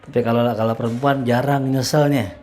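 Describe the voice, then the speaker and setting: Joking ustadz lecturing. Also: male voice, medium pitch, fairly even intonation, a little fast, darkish tone, slight background noise. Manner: joking, colloquial, reads Arabic phrases then explains. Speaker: ustadz teaching a religious study class. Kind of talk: casual Islamic study lecture.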